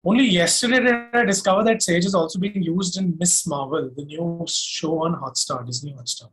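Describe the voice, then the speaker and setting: Fairly high-pitched and fairly bright, speaking briskly over poor audio, a man with an Indian accent is interviewed as a singer-songwriter and music producer. His answers are emphatic and self-assured, explained methodically point by point.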